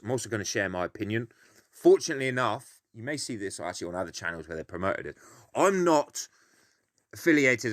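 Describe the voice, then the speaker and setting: A man's voice: mid-range voice, fairly bright tone, no room sound, studio quality. A British man explaining a game in a casual, grumpy, grumbling way, blunt and sweary as he gives his opinions. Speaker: gaming video host.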